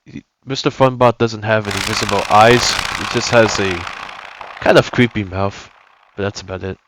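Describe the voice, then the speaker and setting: A man's voice: on the low side, steady tone, normal speed, very noisy. A young man giving casual, rambling gameplay commentary, often correcting himself as he goes. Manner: rambling, self-correcting, enthusiastic. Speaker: gaming YouTuber.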